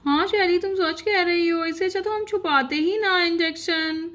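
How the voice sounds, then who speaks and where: A woman's voice: extremely high pitch, fairly even intonation, moderate pace, fairly bright tone. A woman voicing Mini, a timid little girl who goes along with her friend in a doll story.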